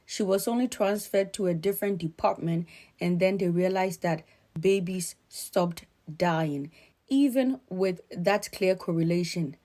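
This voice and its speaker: Emphatic Ghanaian woman, lowish voice. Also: mellow. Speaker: commentator. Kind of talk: spoken commentary.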